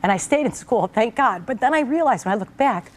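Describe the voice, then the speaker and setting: A woman talk show host telling a personal story to her guest, animated and acting out the voices of the people in it. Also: on the high side, fairly quick.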